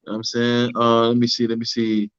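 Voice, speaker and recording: A man's voice: medium pitch, clean tone, highs cut off. Laid-back man hosting a livestream. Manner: laid-back, keeps asking "you know what I'm saying". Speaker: livestream host. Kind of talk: casual livestream talk, reading viewer comments.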